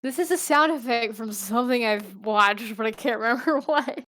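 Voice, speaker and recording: A woman's voice: on the high side, moderate pace, fairly bright tone. A woman playing a tabletop role-playing game, chatting casually and describing what her character does. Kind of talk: casual chat and in-character play.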